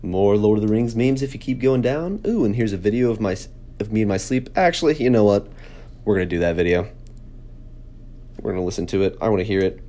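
A man's voice: on the low side, brisk, mellow. A young man vlogging, mocking himself in sarcastic, casual commentary with exaggerated exclamations.

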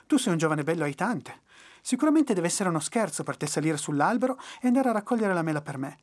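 Brief: sly, pleading old schemer, done by the narrator, husky and lively. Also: medium pitch, quick pace. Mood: wheedling. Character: cunning, scheming old man Jack. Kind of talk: storybook reading.

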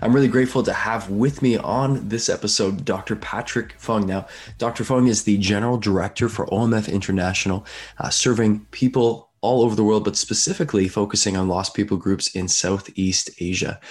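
A man hosts a faith podcast with an eager, affirming way of talking. His voice sits on the low side. It has a husky, slightly breathy edge. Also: steady tone, a little fast, darkish tone. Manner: eager, affirming, with frequent fillers. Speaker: podcast host. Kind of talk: podcast hosting and interviewing. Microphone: video call.

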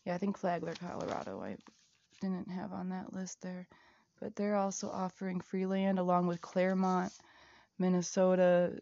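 A woman's voice: fairly low pitch, completely flat delivery, normal speed, vocal fry, dark tone, no echo, muffled recording. A woman recording a rambling casual audio diary, reading out lists of places and prices, sometimes half-whispering.

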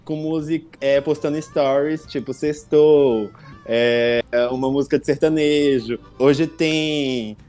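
A man's voice: on the high side, fairly even intonation, takes it slowly, darkish tone. A man in his twenties from Brazil chats as a guest. He is talkative, throws in exclamations and laughs a lot. Faint music plays behind him. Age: 20s. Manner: chatty, exclaims often, laughs. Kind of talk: casual chat.

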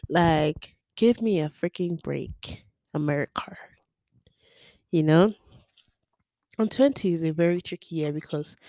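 A woman in her twenties hosting a solo podcast, talking frankly and chattily with lots of fillers and sudden swings between loud and soft. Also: low voice, no room sound, clean studio sound. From Nigeria. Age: 20s. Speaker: podcast host. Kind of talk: candid solo podcast monologue.

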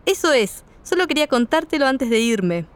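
A woman's voice: high-pitched, sing-song, moderate pace, clear, resonant tone. A woman playing a young Argentine woman in a scripted lesson dialogue, speaking with a sing-song Argentine Spanish lilt. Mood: pleased. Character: young Argentine woman sharing good news.

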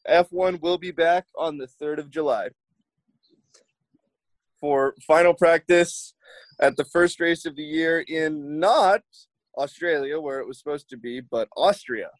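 A man with a somewhat high voice hosts a sports podcast in relaxed chat, wry and teasing. He runs through topics and schedules at an easy pace. The recording is close and dry, with no room sound. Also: measured pace, dry recording, low-quality recording. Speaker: podcast host. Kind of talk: casual chat.

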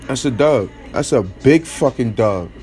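A man's voice: medium pitch, lively intonation, a little slow, a little mellow, soft background music. A young man ranting bluntly in casual slang, mocking his listeners as a podcast host. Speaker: podcast host giving opinions. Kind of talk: casual opinion rant.

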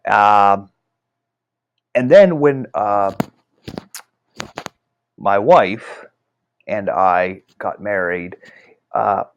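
Man, middle-aged, lowish voice, casual animated storyteller. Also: very slow, pauses often, dull audio. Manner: animated, rambling with fillers and restarts. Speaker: author.

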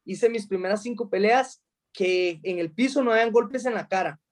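A high-pitched man from Costa Rica, in his thirties, talks about his life as a fighter. He answers in a halting way, restarting his sentences and filling gaps with small sounds. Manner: hesitant, many restarts and fillers. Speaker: mixed martial arts fighter. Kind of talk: interview answers.

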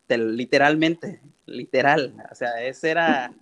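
A man's voice: medium pitch, a little slow. Male interview guest, casual storyteller who acts out dialogue. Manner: animated, acts out quoted dialogue in his own voice; repeats "literal" often.

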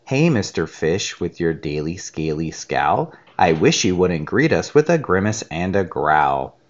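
A man voicing a softly chiding jellyfish. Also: low voice, sing-song, unhurried, dull audio, pitched below the performer's own voice. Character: gently floating male jellyfish, mildly scolding.

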